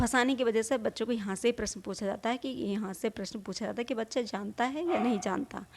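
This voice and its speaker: A woman teaching a Hindi grammar lesson, explaining patiently, repeating points, asking rhetorical questions and sounding out vowels herself. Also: mid-range voice. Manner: demonstrates vowel sounds aloud.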